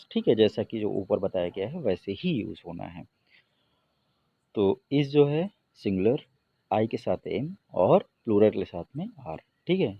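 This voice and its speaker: A man teaching an English grammar lesson in Hindi, reading the English example sentences slowly and deliberately. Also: lowish voice, no echo, highs cut off.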